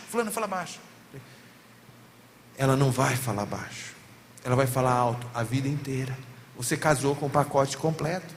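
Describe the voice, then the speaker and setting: A man with a Brazilian Portuguese accent, a pastor preaching at a family seminar and telling stories with lively emphasis. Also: mid-range voice. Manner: animated storytelling, voice rising and falling for emphasis. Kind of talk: sermon. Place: church hall at a family seminar. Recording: reverberant hall, faint background noise.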